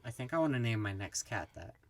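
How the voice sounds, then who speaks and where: A young man co-hosting a podcast in casual chat, easygoing and quick to laugh along. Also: medium pitch, animated, a little mellow, dry recording. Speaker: podcast co-host.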